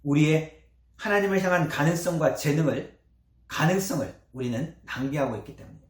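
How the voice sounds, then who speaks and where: A man's voice: on the high side, brisk. Male pastor preaching in an echoey church. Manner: earnest preaching with rising emphasis and soft trailing endings. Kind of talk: sermon. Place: church sanctuary.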